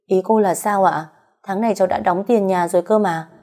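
A woman's voice: mid-range voice, steady tone, brisk, warm tone, natural voice. A woman voicing an anxious, loving young daughter who talks in a pleading, emotional way.

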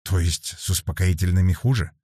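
Narrator doing a caring boyfriend, quiet worried questions, deep voice. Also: male voice, brisk, slightly rough, no echo, clean studio sound. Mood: concerned. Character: caring man, her partner, quietly concerned.

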